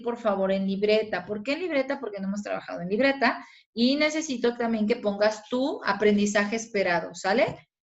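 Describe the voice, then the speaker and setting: A woman's voice: fairly high pitch, lo-fi sound. A woman teacher with a Mexican accent giving a recorded video lesson, explaining step by step and often checking in with her pupils. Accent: Mexican Spanish. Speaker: schoolteacher.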